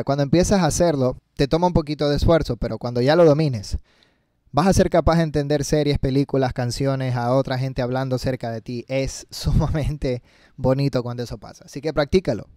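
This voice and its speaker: A man teaching English in an energetic video lesson, emphatic and lively, slowing down to demonstrate phrases. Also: mid-range voice, no room sound, clean studio sound.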